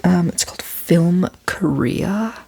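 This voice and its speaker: A woman doing an ASMR role-play as a bookstore clerk, soft-spoken like in a library, casual and a little hesitant in her phrasing. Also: slow, gravelly, slight background noise. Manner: soft-spoken library soft voice, gentle and low-key.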